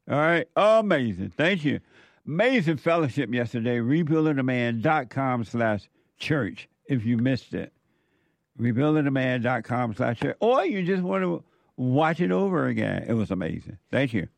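A man hosting a call-in show, talking in a slow, emphatic preaching way and repeating his phrases. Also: medium pitch, creaky, no room sound. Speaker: talk show host. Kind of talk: call-in and viewer-message talk.

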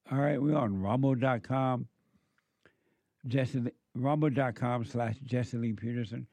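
Smooth radio host, a man. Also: medium pitch, a little mellow, no room sound. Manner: unhurried, repeats plugs and web addresses. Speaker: call-in show host. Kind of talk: smooth radio host reading promos and taking calls.

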